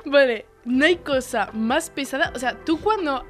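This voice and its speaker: A young woman, chatting casually in a loud, animated rant. Her voice sits a little high, and faint music runs underneath. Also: measured pace. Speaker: podcast co-host. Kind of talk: casual chat.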